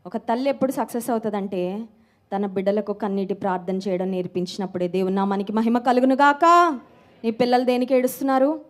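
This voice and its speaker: A woman preacher giving an emphatic sermon, slowing down on key phrases and mixing in English phrases. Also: mid-range voice, steady tone, a little mellow.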